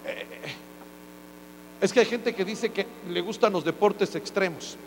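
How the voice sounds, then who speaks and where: A pastor preaching a lively, humorous sermon in a very high, gravelly voice. His words ring with long reverb through a church hall, and a faint mains hum sits underneath. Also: a little slow. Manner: preaching with joking asides and acted-out quotes.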